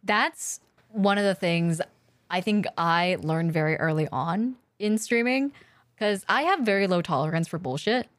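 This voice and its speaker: A woman's voice: fairly low pitch, unhurried, dry recording. A woman co-hosting a casual podcast chat about streaming, talking candidly with swearing and many fillers. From lives in Japan. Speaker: streamer co-host.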